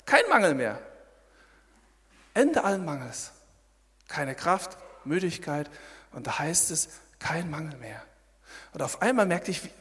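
A man preaching a sermon, emphatic, swinging from loud exclamations to quiet asides. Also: on the high side, very animated, measured pace, pauses often. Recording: echoey hall.

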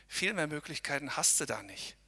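A man's voice: a little high, sing-song, moderate pace, creaky, bright, forceful tone, husky, in a large hall. A man giving an earnest devotional talk outdoors on a mountain trail. He speaks straight to his listeners and keeps checking in with short tag questions. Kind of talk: devotional talk while hiking.

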